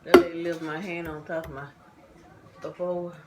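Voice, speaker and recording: Amid heavy clatter of dishes and cutlery, a woman with a low, flat voice speaks at a moderate pace, gossiping bluntly with her family over a home meal. It's a casual chat from someone seated at the table, and the recording is very noisy.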